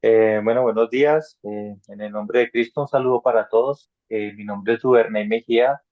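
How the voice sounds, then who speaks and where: A man's voice: lowish voice, steady tone, moderate pace, no room sound. A man, new to the faith, introducing himself plainly with hesitant fillers on a video call. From Colombia. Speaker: new Bible student. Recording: tinny phone-like call audio.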